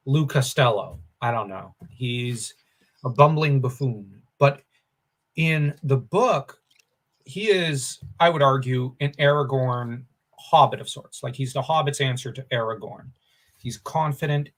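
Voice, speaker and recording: A man co-hosting a casual book discussion podcast, enthusiastic and opinionated, thinking aloud with fillers. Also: mid-range voice. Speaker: podcast co-host.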